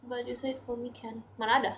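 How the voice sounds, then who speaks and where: A woman's voice: fairly high pitch, little pitch movement, brisk. A young Indonesian woman selling clothes on a live stream, chatty and tired, pleading with viewers for likes and gifts. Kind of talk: casual live-selling chat.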